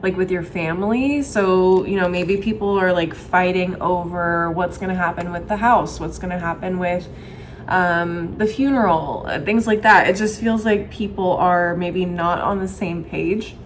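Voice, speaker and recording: A woman's voice: fairly low pitch, measured pace, a little hiss or hum. A young woman hosting a casual tarot reading, talking conversationally and thinking aloud as she goes. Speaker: tarot reader and host.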